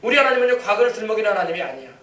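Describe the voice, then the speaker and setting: Male pastor, quick emphatic sermon, echoey church, distant mic. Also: sits high, sing-song, pushed and bright. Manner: emphatic, repetitive preaching with congregation responses. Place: church sanctuary.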